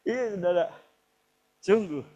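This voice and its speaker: Animated man preaching a sermon. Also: high voice, slow pace, dull audio. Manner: animated preaching, swings between soft asides and loud emphatic peaks; acts out quoted people in shouted or pleading voices. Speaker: pastor. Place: church hall, live service.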